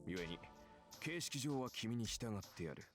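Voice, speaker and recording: An actor playing a proud, condescending warrior servant in an anime-style game, speaking in a cool, lecturing way. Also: male voice, mid-range voice, very animated, fairly quick, over music, natural voice.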